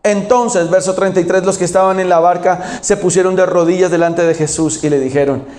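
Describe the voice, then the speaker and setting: A man preaching a sermon as pastor, telling stories and acting out Bible quotes with sudden high, loud bursts. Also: fairly even intonation, a little fast, roomy sound.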